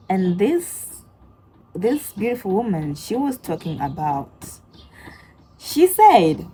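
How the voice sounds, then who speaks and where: Young female vlogger, low warm voice, chatty and rambling, faint background hiss. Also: rough recording. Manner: chatty, lots of fillers, swings into animated outbursts. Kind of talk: casual storytelling to camera.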